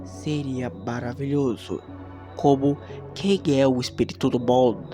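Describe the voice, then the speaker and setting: A Brazilian Portuguese speaker hosts a video essay over music, using a mid-range voice at a measured pace. The enthusiastic, scripted commentary is dramatic and emphatic, often posing rhetorical questions.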